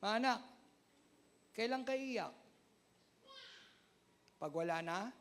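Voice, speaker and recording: A man preaching a sermon as pastor, loud and near shouting, calling out to the congregation for amens. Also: lively intonation, slow pace. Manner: loud, often sounds like shouting; acts out quoted voices with big pitch jumps.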